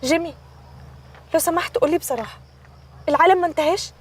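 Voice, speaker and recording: Brief: a naive Egyptian girl-woman, very high and childlike, rattling lines off fast, innocent and prim. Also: far from the mic. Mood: wide-eyed. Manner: innocent, scolding, wide-eyed. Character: naive sheltered young woman, childlike and earnest. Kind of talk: comedy series acting.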